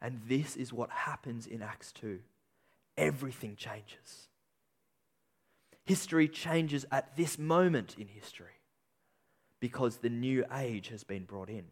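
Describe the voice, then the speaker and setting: A man preaching a sermon with an emphatic delivery, slowing on key phrases and swinging between loud peaks and quiet endings. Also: mid-range voice. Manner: emphatic, rising and falling delivery with slow stressed phrases.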